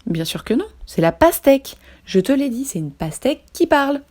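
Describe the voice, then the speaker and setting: An eager, exclaiming elephant who believes anything he is told, voiced with childlike excitement by a woman reading a storybook. He sounds breathless with wonder. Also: high voice, moderate pace, pitched above the performer's own voice. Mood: insistent. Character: excitable gullible male elephant.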